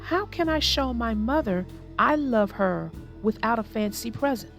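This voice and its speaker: A woman's voice: a little high, lively intonation, measured pace, soft background music. A woman reading aloud as a worried young boy turtle, asking earnest questions in a storybook.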